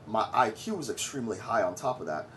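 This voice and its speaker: A man's voice: fairly low pitch, expressive, quick pace, fairly bright tone, slight background noise. A man in his forties from Trinidad and Tobago, giving blunt, boastful opinion commentary to his viewers. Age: 40s. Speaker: vlogger.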